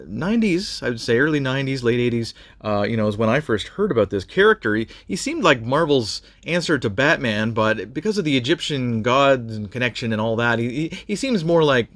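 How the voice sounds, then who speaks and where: A man's voice: medium pitch, fairly bright tone, no echo. A man giving a casual spoken review of a TV episode, rambling with many fillers and restarts.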